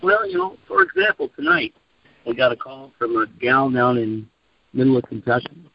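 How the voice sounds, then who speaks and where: A man's voice: mid-range voice, big pitch swings, normal speed, vocal fry, dry recording. A man calling in on a phone held too far from his mouth, chatting loosely with lots of fillers. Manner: loose, rambling, leans on fillers. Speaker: expedition team member calling in. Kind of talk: casual call-in chat. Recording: dull lo-fi phone line.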